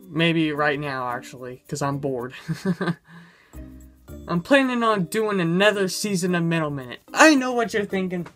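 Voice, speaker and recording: A young adult man rambling casually in a vlog with a low-energy, goofy manner, recorded indoors close to the camera. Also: a bit bright. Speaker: YouTuber. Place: indoors in a room. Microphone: camera close in front of him.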